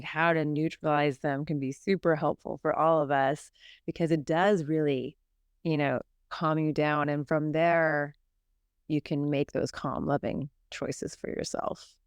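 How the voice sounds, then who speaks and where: Woman hosting a podcast, upbeat and encouraging, smooth clear voice, dry mic. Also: sits low, little pitch movement, measured pace, no echo. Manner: upbeat, affirming, laughs often. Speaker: podcast host. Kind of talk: podcast interview.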